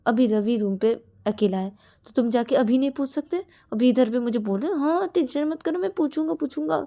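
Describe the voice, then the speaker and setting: A woman's voice: fairly high pitch, steady tone, moderate pace, mellow, voice pushed up, lightly acted. A woman voicing Shreya, a bossy, suspicious young woman who scolds and demands answers. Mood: sharp, annoyed.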